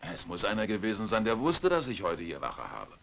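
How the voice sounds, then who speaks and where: Gravelly, forceful police detective. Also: male voice, lowish voice, wildly swooping pitch, fairly quick, exaggerated voice. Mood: groggy, puzzled. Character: earnest, uneasy male police detective. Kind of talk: dubbed vintage thriller film acting.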